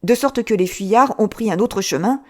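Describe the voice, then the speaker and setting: A woman reading an audiobook, voicing a sharp, mocking male swordsman who fires off curt, commanding questions. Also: mid-range voice, moderate pace, voice pushed up, lightly acted. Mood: interrogating.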